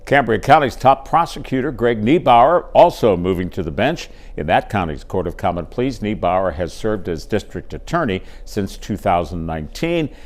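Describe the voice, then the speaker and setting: A male anchor reads election results from a script in a fairly low voice. His delivery is steady and measured. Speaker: news anchor. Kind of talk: scripted news reading.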